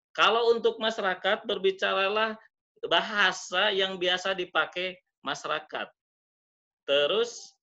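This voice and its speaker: Man, fairly high voice, bright and forceful, speaking trainer, demonstrative delivery, dull lo-fi webinar sound. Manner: demonstrative, swings pitch and pace on purpose. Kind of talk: webinar lesson.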